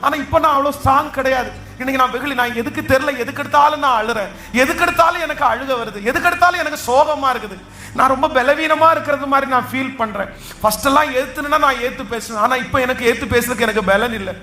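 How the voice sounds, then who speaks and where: A tired, fearful churchgoer pours out a pleading confession of weakness, voiced by a man preaching. The voice is high and bright, with a confessional tone. It rings in an echoing church. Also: fast talker. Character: weary frightened churchgoer, adult, feeling weak.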